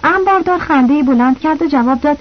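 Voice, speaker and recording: A woman narrating a novel as an audiobook, reading the characters' lines in her own voice with small shifts. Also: high voice. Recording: slightly dull lo-fi audio.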